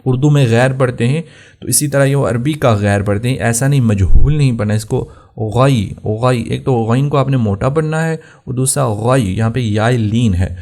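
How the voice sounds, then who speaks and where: A man teaching tajweed, explaining plainly and then chanting verses slowly and drawn out. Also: medium pitch, a little mellow. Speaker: Quran recitation teacher. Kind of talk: tajweed lesson with slow chanted recitation.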